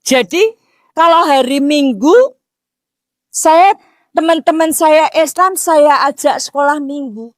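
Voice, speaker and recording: A woman in her sixties with a Javanese accent preaching a mosque sermon, posing rhetorical questions and rising to emphatic near-shouts. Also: sits high, slow pace, pauses often, no echo, clean studio sound. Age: 60s. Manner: slips Javanese words into talk.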